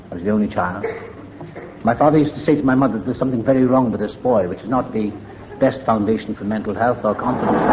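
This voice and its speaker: An older Welshman addresses an AA meeting, recounting his recovery story candidly with a reflective, wry touch. His medium-pitched voice comes through with the highs cut off and heavy background noise.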